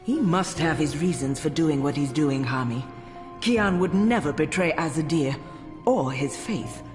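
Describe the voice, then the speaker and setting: An actress playing a dignified, gentle older religious leader in a video game, solemn and caring. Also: female voice, sits low, animated, a little slow. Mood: moved, concerned. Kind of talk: dramatic video game acting. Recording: long hall reverb with music.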